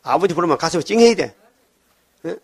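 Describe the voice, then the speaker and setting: Brief: older male pastor, slightly high voice, scolding sermon full of rhetorical questions. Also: lively intonation, a little fast, creaky, husky.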